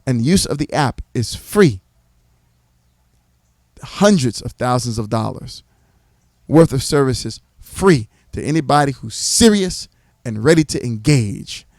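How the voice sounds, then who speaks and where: A man speaking like a preacher to a livestream audience. He drives his points home by repeating them, with a middle-pitched voice. The sound is close and dry, with no room echo. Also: expressive, unhurried, pauses often, darkish tone. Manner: preacherly, repeats phrases for emphasis. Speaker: community organizer presenting his platform.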